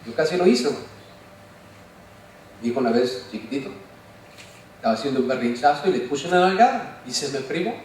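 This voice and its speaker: A man preaching as a pastor, animated, often asking the congregation questions and joking. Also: medium pitch, brisk, pauses often, a little hiss or hum. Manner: playful, jokes and mimics voices. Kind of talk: sermon. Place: church sanctuary. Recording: echoey church from far off.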